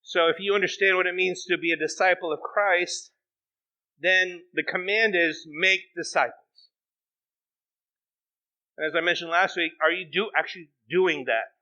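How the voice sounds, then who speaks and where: A middle-aged male pastor preaching in a church, his voice high and very bright, almost sharp. He is animated and slips into quoted voices as he talks. The recording sounds dull and lo-fi. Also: normal speed, long pauses. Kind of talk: sermon. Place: church sanctuary.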